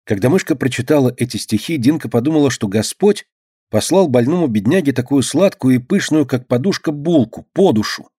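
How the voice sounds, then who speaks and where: A man's voice: medium pitch, lively intonation, fairly quick, warm tone, slightly rough, no room sound, clean studio sound. A man narrating a children's story expressively as an audiobook reader. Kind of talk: scripted narration.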